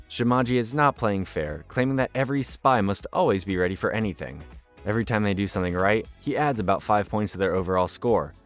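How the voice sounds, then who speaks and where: Low-pitched man narrating over music. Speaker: narrator of a cartoon recap. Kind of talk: scripted narration. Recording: music bed behind voice.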